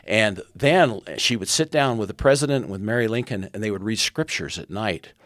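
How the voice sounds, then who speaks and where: A man's voice: on the low side, moderate pace, a bit bright, no room sound, clean studio sound. A man in his sixties, a podcast guest, earnestly retelling a historical story and quoting the people in it. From United States. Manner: earnest, retells events with quoted dialogue.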